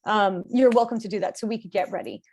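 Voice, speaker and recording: A woman speech coach, teaching an online workshop in a clear, encouraging instructor tone over a video call. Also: mid-range voice, fast, a little mellow.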